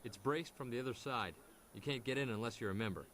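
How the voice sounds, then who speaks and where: A man's voice: mid-range voice, quick pace, a bit bright, close to an everyday voice. A man playing a curt club doorman. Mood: dismissive. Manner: curt, dismissive.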